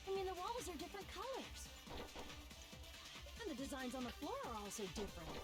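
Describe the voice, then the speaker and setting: A woman's voice: sits high, sing-song, fairly quick. A woman voicing a regal young princess, reading game lines in a formal, stately way. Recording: music playing behind.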